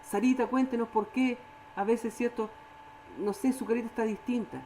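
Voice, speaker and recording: A woman with a Chilean Spanish accent leading a church Bible study, animated, acting out quoted voices and often checking in with her listeners. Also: on the high side, moderate pace, a little hiss or hum, rough recording.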